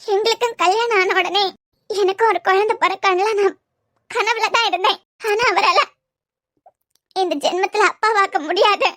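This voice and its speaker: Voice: extremely high pitch, fairly even intonation, normal speed, pushed and bright, no echo, studio quality. A voice artist playing a tearful, stubborn young wife in a cartoon serial, with a Kanyakumari Tamil accent. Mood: defiant. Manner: pleading yet stubborn.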